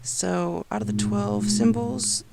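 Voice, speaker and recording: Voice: medium pitch, steady tone, slow pace, vocal fry, very noisy. A game player giving a casual walkthrough to viewers in a chatty, self-deprecating way. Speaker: let's player. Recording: loud game music behind voice. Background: loud game music.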